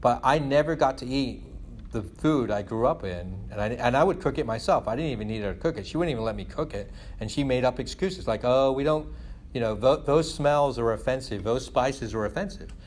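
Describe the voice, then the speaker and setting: Speaking in an animated, slightly quick and somewhat mellow medium-pitched voice, this middle-aged man from England rambles through casual venting, peppered with "you know" and "like." He was born in England to Guyanese parents of Indian descent, and a little hiss or hum sits under the recording.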